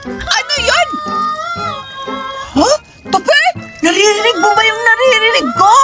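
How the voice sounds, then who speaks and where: A woman's voice: very high voice, animated, slow pace, heavily acted. A woman voicing a gushing cartoon little girl. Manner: gushing, whiny. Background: background music.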